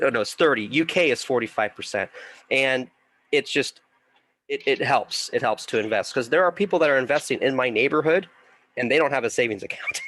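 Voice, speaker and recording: A man's voice: mid-range voice, fairly bright tone. A middle-aged man, congested, teaching a casual online investing class and rambling with fillers and restarts.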